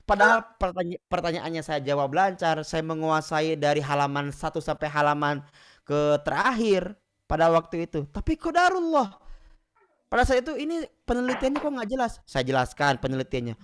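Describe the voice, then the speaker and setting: Man giving an animated religious lesson. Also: on the high side, normal speed, clean tone. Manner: animated storytelling, often addresses the audience directly. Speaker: Quran recitation teacher. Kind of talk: casual Islamic study lecture.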